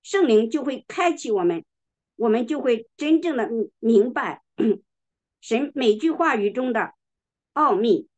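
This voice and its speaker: Slow, deliberate woman preaching a sermon. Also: on the high side, animated, a little mellow. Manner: slow, deliberate, emphatic reading of scripture; occasionally clears throat.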